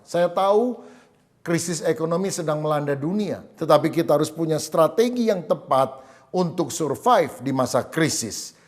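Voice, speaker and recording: A man preaching a sermon with lively storytelling, often turning to his listeners directly. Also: mid-range voice. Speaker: pastor.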